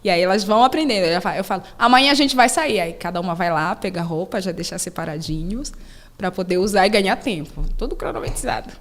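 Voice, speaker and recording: A young adult woman, a solo mother talking casually in a podcast interview and acting out her daughters' voices as she tells stories. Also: fast. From Brazil. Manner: animated storyteller, acts out her daughters in a high voice. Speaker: podcast host sharing her story.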